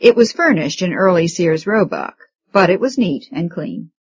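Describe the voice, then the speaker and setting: Female audiobook narrator, steady and measured, low husky voice, slightly lo-fi audio.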